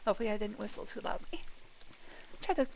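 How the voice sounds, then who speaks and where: A woman streaming a video game, talking casually through her play with joking asides and quick apologies. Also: mid-range voice, creaky, heavy background noise. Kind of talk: casual let's-play commentary.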